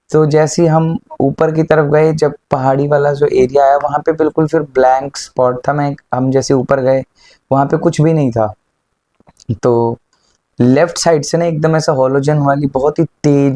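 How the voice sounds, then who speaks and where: A man tells his own story in an earnest, unhurried way, slipping English words into his Hindi. His voice is dark and mellow. The sound is dry and close, with no room echo. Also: medium pitch. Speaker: devotee sharing a personal experience. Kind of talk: casual testimony.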